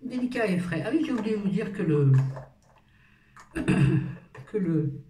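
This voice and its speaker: A woman's voice: mid-range voice, expressive, a little slow, dark tone. A playful, self-mocking woman in her fifties talks casually through her morning skincare routine at home. She sits well back from the mic, and her voice rings around a roomy, echoing space. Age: 50s. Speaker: beauty vlogger. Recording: roomy echo, far from the mic.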